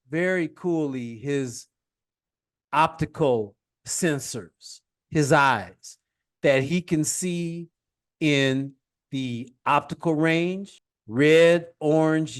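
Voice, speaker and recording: A man's voice: fairly high pitch, clear, resonant tone. A man teaching a one-on-one science lesson, patient and encouraging, guiding his student with questions and praise.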